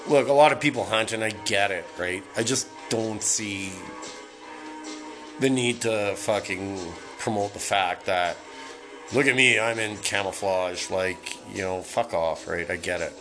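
A Canadian man rants on a solo podcast, swearing constantly in a heated, rambling, casual way. His voice sits low, the recording is rough, and music from a record player plays in the background.

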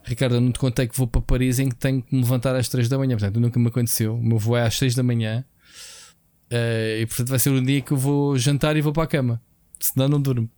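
A man's voice: medium pitch, level tone, fast, dark tone, no room sound. A man with a European Portuguese accent co-hosting a podcast in an informal, slangy, conversational way. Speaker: podcast co-host. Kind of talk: casual chat.

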